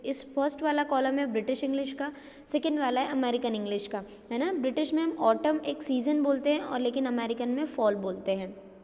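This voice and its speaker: Teacher, female, Indian English accent, high bright voice, slow dictation of examples, classroom reverb. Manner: explains Hindi and English mixed, slow when dictating examples; keeps asking "understood?" to check the class. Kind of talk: classroom lecture.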